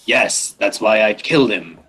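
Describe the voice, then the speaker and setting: A man voicing a slow, low dragon. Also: lively intonation, a bit bright, a little hiss or hum, poor audio. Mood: blunt. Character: huge territorial dragon, cold and blunt. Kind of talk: tabletop game narration.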